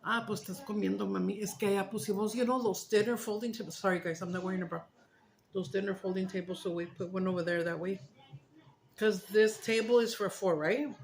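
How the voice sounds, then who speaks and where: A woman's voice: mid-range voice, fairly even intonation, a little fast, darkish tone, slight background noise. A woman with a Chicano English accent chats casually and candidly to her viewers, rambling with some swearing and slipping between English and Spanish. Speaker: mukbang vlogger. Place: small dining and living room at home.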